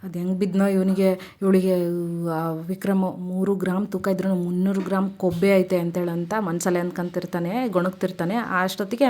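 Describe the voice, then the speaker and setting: A woman retells a serial episode in a loose, conversational way. She chats informally and warmly asks listeners to comment and subscribe. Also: lowish voice, flat delivery, moderate pace. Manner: chatty, informal, pleading for subscriptions. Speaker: YouTube serial recap narrator. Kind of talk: casual episode recap.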